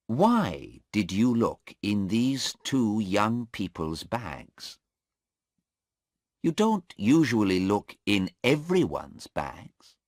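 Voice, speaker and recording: A man voicing a sharp, insistent male defense lawyer in a story read aloud, pressing a witness with pointed questions. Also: fairly low pitch, no echo, clean studio sound, voice pushed up, exaggerated voice. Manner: pointed questioning, pushes hard.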